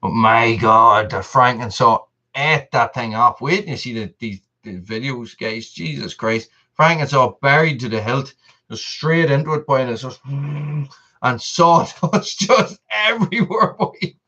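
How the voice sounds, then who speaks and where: A man hosts a casual live stream, chatting with his viewers, rambling, repeating himself and laughing a lot. His voice is medium-pitched and sharp in tone, and he doesn't hurry. The audio sounds dull.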